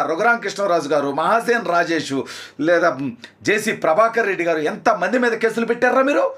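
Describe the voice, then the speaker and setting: A man delivering an angry political rant, hurling insults and rapid-fire accusations. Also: sits high, a bit bright. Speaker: political party supporter.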